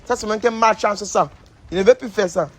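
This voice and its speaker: A man's voice: sits high, fairly quick, a bit bright, slight background noise. A man playing a traditional healer who scolds and accuses, repeating his lines over and over. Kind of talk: staged confrontation sketch.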